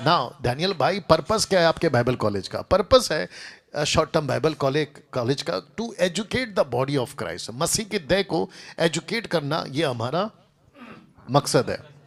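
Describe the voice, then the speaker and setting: Man, pastor, talks to a seated group, lists items again and again, slightly high voice. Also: sing-song, a little slow, fairly bright tone. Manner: speaks to a seated group and a livestream audience, repetitive lists. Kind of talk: church announcements and sermon.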